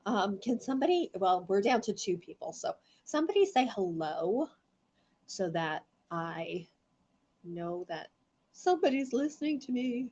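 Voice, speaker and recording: In a warm, medium-pitched voice with big pitch swings, a middle-aged woman runs a live online gem show, speaking a little slowly. She chats casually, rambles, greets viewers by name, and coughs and sounds congested from allergies; the recording is muffled.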